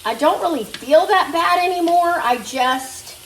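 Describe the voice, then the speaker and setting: Speaking unhurriedly in a very high voice with lively intonation, a woman cooks in her home kitchen and chats with viewers she addresses as "guys." She's a cooking vlogger still recovering from a fever, so she sounds slightly nasal. Sizzling meat, kitchen echo, a faraway mic, and a little hiss or hum fill out the recording.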